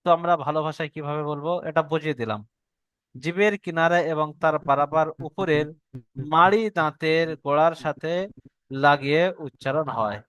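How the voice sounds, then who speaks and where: Bengali-accented male teacher, slow careful repetition, raised pitch, bright and smooth. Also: steady tone, no echo, dull audio. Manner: patient, repeats each point slowly for the student. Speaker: Quran recitation teacher. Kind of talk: online tajweed lesson.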